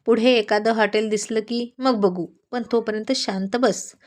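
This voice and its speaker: A woman voicing a gruff young man who answers curtly and with dry sarcasm. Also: on the high side, fairly even intonation, measured pace, darkish tone, natural voice. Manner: curt and dry, mildly sarcastic.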